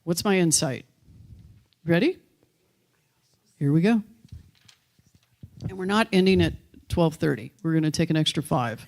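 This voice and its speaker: A woman's voice: deep voice, measured pace, vocal fry, long pauses, a little mellow. A woman minister speaking casually and playfully to her congregation, inviting people to share. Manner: playful, encouraging, jokes with the congregation. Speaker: minister leading a sharing circle. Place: church hall.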